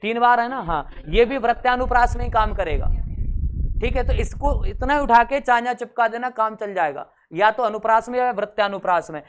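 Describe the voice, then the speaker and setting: A man teaching a class, patiently explaining and reading verse examples slowly. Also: extremely high pitch. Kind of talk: classroom lesson.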